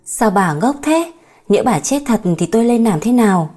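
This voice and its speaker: A woman voicing a gruff, stern old father. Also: on the high side, big pitch swings, normal speed, warm tone, soft background music. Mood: reproachful. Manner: scolding, blunt.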